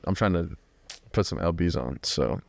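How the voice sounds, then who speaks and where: Deep-voiced laid-back young man. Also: normal speed, gravelly, darkish tone, no echo. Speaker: guest. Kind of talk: casual chat.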